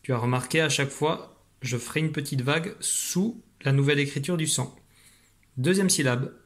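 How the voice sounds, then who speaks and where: On a video call from his home computer, a primary school teacher teaches young children to read. His voice is on the high side and moves at normal speed, and he explains things patiently while encouraging them.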